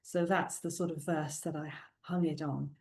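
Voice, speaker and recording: In a casual interview, a middle-aged woman from South Wales chats as a guest author in her Welsh accent; Welsh is her native language. Her low voice keeps a steady tone at a moderate pace, with slight background noise. She comes across as warm and chatty, with many ums and lots of laughter.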